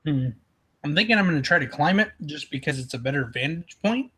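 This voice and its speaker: A man's voice: on the high side, lively intonation, brisk, sharp tone, husky. A man playing a tabletop game, thinking aloud hesitantly as he asks the game master questions. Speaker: player.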